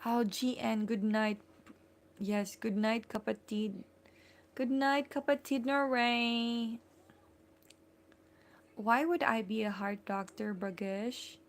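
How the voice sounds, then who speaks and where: Host, Filipino accent, woman; slightly high, gravelly voice, casual and filler-heavy chat. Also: steady tone, takes it slowly, pauses often. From Philippines. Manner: chatty, greets and thanks viewers by name, many fillers. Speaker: vlogger hosting a live stream. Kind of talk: casual live-stream chat.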